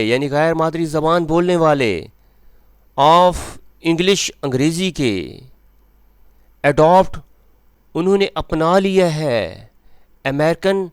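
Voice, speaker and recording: Man slowly explaining a text line by line. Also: fairly high pitch, smooth, dry recording. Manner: slow, repeats each phrase with its meaning. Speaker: English teacher. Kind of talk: word-by-word translation lesson.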